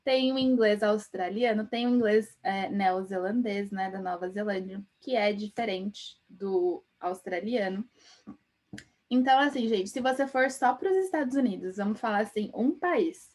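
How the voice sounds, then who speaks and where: A young woman with an interior São Paulo accent, teaching a chatty live-stream lesson and ending lines with tag questions. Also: mid-range voice. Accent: interior São Paulo Portuguese. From Brazil. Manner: chatty, lots of tag questions, laughs often. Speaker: English teacher.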